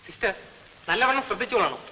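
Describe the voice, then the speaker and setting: Brisk doctor. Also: male voice, sits high, lively intonation, bright, forceful tone, heavily acted. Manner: brisk, instructive. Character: brisk male doctor instructing a nurse. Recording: echoey old film soundtrack, faint hiss.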